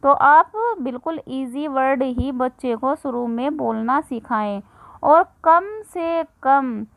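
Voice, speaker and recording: High-voiced woman giving parenting tips. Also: creaky, dry recording, poor audio. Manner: conversational, with frequent filler pauses. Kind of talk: casual instructional talk.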